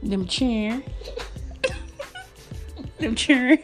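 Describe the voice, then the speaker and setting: A woman's voice: on the high side, wildly swooping pitch, drawn-out words, soft background music. A woman hosting a podcast in casual motivational chat, teasing her co-worker and laughing often, speaking. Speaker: podcast host.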